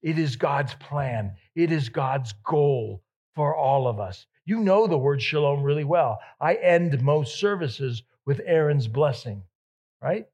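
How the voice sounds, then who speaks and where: Slow, husky-voiced male pastor preaching. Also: a little high, animated, highs cut off. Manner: swings between loud emphatic peaks and soft, hushed drops; repeats words for emphasis. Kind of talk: sermon.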